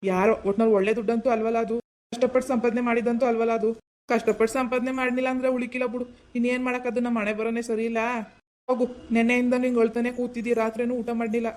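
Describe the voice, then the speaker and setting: A man's voice: extremely high pitch, little pitch movement, fast talker, a little mellow. A voice actor playing a blunt, practical village husband in a cartoon who lectures and nags his wife. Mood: nagging. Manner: nagging, lecturing. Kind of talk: Kannada cartoon voice acting.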